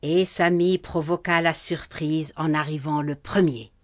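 A woman telling a folk tale in a measured, unhurried storytelling manner. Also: low voice, fairly even intonation. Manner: measured, unhurried narration with a closing formula.

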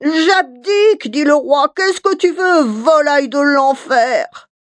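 A woman's voice: high voice, slow, dry recording, pitched above the performer's own voice. A woman playing a grumpy, bossy fairy-tale king who barks indignant orders. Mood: exasperated. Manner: barking, indignant commands.

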